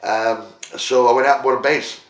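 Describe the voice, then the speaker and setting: An older man from Italy telling the story of his music career in an interview, rambling and halting with many fillers. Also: mid-range voice, steady tone, echoey room. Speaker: musician guest.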